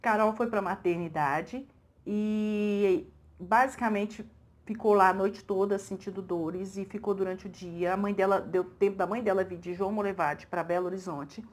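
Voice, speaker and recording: A Brazilian woman from her own channel, telling a testimony story and acting out the quoted voices with rising excitement. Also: mid-range voice, moderate pace. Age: middle-aged.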